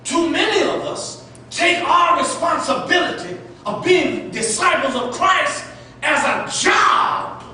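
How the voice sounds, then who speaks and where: A man preaches with a strikingly high, bright voice, pushing his phrases up into shouts. He sounds far from the mic in a very echoey church sanctuary. A faint hiss sits under the live-stream recording. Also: slow. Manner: fervent, repeating phrases, rising to shouts. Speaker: pastor. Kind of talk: preaching sermon.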